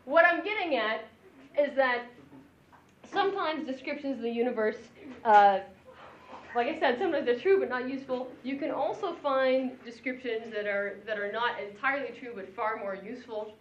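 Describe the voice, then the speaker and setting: A woman physics lecturer teaching a class, animated and joking, chuckling between her points. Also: on the high side, normal speed, a little hiss or hum. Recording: echoey, dull lo-fi room recording.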